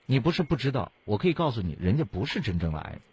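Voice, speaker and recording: Husky man giving blunt advice. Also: mid-range voice, sing-song, fast talker, a little mellow, dry recording, dull audio. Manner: blunt, lecturing, rhetorical questions. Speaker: radio advice host. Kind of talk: call-in advice talk.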